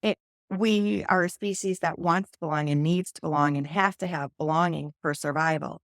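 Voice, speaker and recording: A woman's voice: low-pitched, steady tone, moderate pace, no echo, clean studio sound. A woman sober coach, a podcast guest, sharing her own story in an earnest, open way. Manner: earnest and open, speaking in long flowing runs. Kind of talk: candid personal storytelling in a podcast conversation.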